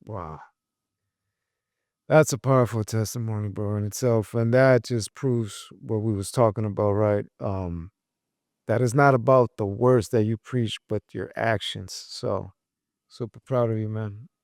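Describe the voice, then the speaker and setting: A man's voice: lowish voice, steady tone, a little slow, darkish tone, no room sound, studio quality. A man hosting a podcast in casual chat, encouraging and laid-back, saying "bro" and "man" often. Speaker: podcast host.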